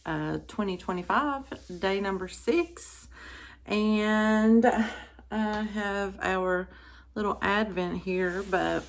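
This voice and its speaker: A woman's voice: mid-range voice, slow pace, gravelly. A middle-aged woman vlogger chatting casually in a rambling way, then reading a devotional aloud. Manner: chatty, rambling, with many "like" fillers.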